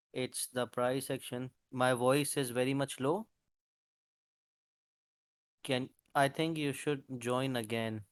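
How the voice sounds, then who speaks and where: Clean studio sound and a dry recording carry a mid-range male voice as a crypto analyst walks through charts on a live call. His delivery is casual and hesitant, with frequent fillers and restarts.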